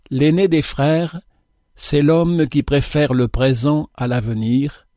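Man, audiobook narration, measured and earnest, warm timbre, dry close recording. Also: medium pitch, no echo. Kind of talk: scripted narration of a religious allegory.

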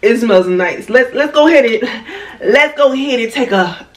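Lively Haitian woman reviewing perfumes. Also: on the high side, normal speed. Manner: animated and slangy, with a lot of "you know what I mean". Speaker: beauty vlogger. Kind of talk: casual product review.

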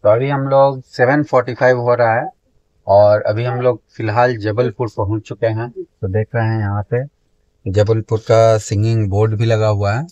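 A man's voice: fairly low pitch, flat delivery, moderate pace, darkish tone, muffled recording. A man, chatting casually to viewers in a travel vlog, filmed on a selfie camera at arm's length inside a train compartment. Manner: chatty, talks straight to viewers, many fillers. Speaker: travel vlogger.

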